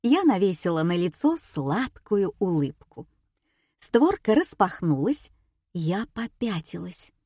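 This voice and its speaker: Lady reading a novel aloud, lowish voice, wry and even, dry close sound. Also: takes it slowly, no room sound. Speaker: audiobook narrator. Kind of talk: first-person audiobook narration.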